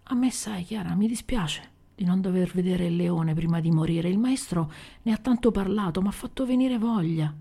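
A woman voicing a hungry nine-year-old boy, bitter and defiant, speaking in a hushed, often whispered voice in a storybook reading. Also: fairly low pitch, moderate pace, vocal fry, slightly rough.

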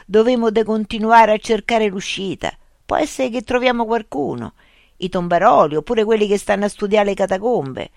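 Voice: mid-range voice, normal speed, creaky, no room sound, clean studio sound, pitched above the performer's own voice, lightly acted. A storyteller voicing Cesare, a brave schoolboy with a Roman accent who coaxes his friend along. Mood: coaxing. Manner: coaxing, reassuring.

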